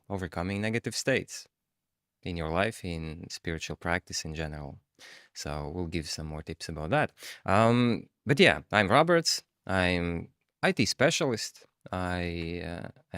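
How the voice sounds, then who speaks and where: A low-voiced man talks through a podcast in a reflective, searching way. He often stops on fillers and restarts his thoughts. The recording is close and dry. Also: expressive, a little slow, fairly bright tone, smooth, dry recording. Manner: reflective, hesitant, with many fillers. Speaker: podcast co-host. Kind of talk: casual podcast chat.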